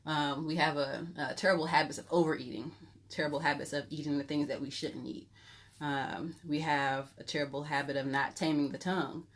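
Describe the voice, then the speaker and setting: A woman's voice: low-pitched, fairly even intonation, brisk. A woman pastor giving an informal Bible teaching, talking conversationally with many fillers and candid personal stories. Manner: conversational, filler-heavy, candid and self-revealing.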